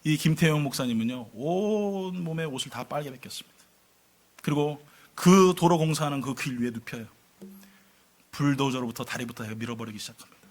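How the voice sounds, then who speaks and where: A man preaching a sermon as pastor, telling a story dramatically, swinging between loud exclamations and hushed low tones. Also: lively intonation, fairly quick. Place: church sanctuary.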